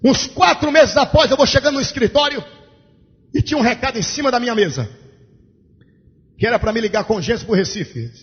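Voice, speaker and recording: A male pastor, telling a story in a sermon with fervent preaching that rises to shouts. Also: very high-pitched, expressive, a little fast, pauses often, slightly rough. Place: large church. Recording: echoey church hall, dull lo-fi sound.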